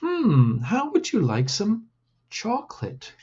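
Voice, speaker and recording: A man's voice: high-pitched, wildly swooping pitch, slow, a little mellow, slightly rough, dull audio, voice pushed up, heavily acted. A man voicing an impish small Italian boy who pleads eagerly in a storybook reading. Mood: coaxing, pleading.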